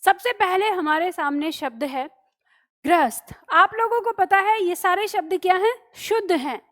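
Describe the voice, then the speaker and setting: Woman, teacher, high-pitched, spelling lesson, explains step by step. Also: a bit bright. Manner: explains slowly, spells words syllable by syllable, keeps asking "okay?". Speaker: Hindi teacher.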